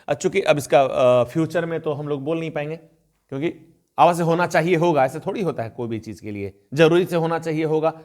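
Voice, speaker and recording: Man teaching with a fairly high voice. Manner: conversational, addresses viewers as friends; reads English examples slowly and deliberately. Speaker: English teacher. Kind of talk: explanatory online lesson.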